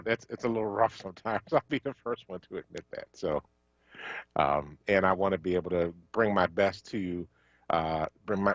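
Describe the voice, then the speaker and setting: Male radio co-host from Philly, deep voice, loose and hesitant delivery, dry studio mic. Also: no echo, highs cut off. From Philadelphia. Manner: halting, many fillers, warm thanks. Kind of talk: casual radio talk. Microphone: studio microphone.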